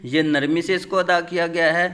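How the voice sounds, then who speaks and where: Male Quran teacher with a Pakistani Urdu accent. High, bright voice; stretches letters out slowly, then explains quickly. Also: steady tone. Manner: drawn-out sung letter names, then quick plain explanations. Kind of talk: slow spelled-out tajweed lesson.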